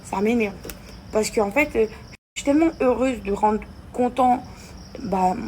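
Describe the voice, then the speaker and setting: A woman's voice: on the high side, a little slow, warm tone, a little hiss or hum. A woman vlogger venting to her followers in a casual, blunt, slangy way, upset and irritated and repeating herself. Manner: agitated, repetitive, slangy and blunt. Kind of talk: casual to-camera vent.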